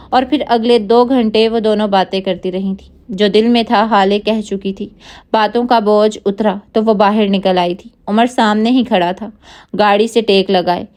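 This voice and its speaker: A woman's voice: medium pitch, a little mellow. A woman narrating a dramatic audio novel, reading the story and the characters' dialogue in her own voice.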